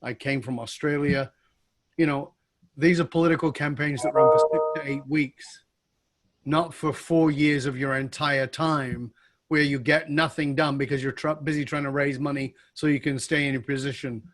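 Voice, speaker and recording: A man's voice: a little high, steady tone, normal speed, fairly bright tone, slight background noise. A man hosting an interview podcast, chatting emphatically and agreeing often with his guest. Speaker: podcast host. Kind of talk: casual interview chat.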